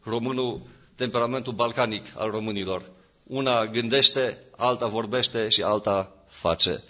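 Bright, husky preacher. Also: male voice. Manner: builds to loud emphatic peaks, then drops low. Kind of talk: sermon.

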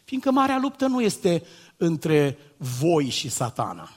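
A man preaching a sermon, asking rhetorical questions and swinging from quiet, low asides to loud, shouted exhortation. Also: sing-song. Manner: rhetorical questions and repeated paired phrases.

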